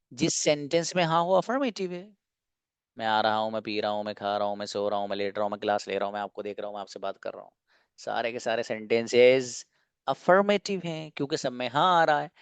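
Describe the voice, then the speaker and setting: A man's voice: mid-range voice, clear, resonant tone, no echo, lo-fi sound. A man teaching an online English class, drilling example sentences and asking and answering his own questions.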